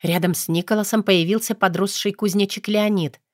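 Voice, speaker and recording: A woman narrating a fantasy audiobook in an expressive storytelling manner. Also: medium pitch, fairly quick, dry recording, studio quality.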